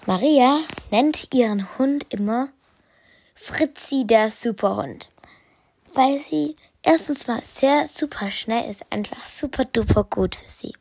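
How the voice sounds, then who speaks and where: A woman reading a children's story aloud, slowly and haltingly, correcting herself and sometimes whispering. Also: fairly high pitch, darkish tone, slightly rough, no echo. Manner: slow, halting, self-correcting, partly whispered.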